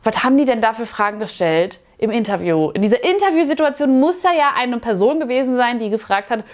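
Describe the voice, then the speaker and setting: A woman's voice: fairly high pitch, expressive, fairly quick. Chatty, opinionated woman reacting to a show. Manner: chatty, opinionated, sarcastic asides. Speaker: YouTube commentator. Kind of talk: casual reaction commentary. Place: small dim room with lamps, indoors.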